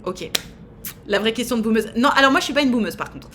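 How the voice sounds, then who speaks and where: A woman's voice: on the high side, animated, fast talker, fairly bright tone, slight background noise. A woman in her thirties hosting a live stream, chatting casually in a teasing way with lots of fillers. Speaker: streamer host.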